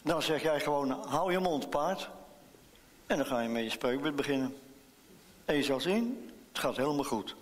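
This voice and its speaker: A man's voice: fairly high pitch, lively intonation, moderate pace, long pauses, long reverb tail, lightly acted. A man voicing a cheerful young schoolboy in a children's story, chatty and encouraging.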